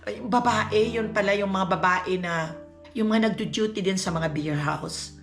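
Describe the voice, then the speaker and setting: A middle-aged woman from the Philippines, a vlogger telling a personal story in an animated way, acting out the dialogue. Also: mid-range voice, unhurried. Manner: animated, acts out quoted dialogue, laughs often. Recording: roomy echo with faint music.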